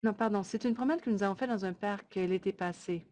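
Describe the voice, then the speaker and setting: This woman, speaking at a medium pitch, comes across as a live interpreter relaying a webinar presentation. She talks in short, measured phrases with a slightly halting delivery and a warm tone.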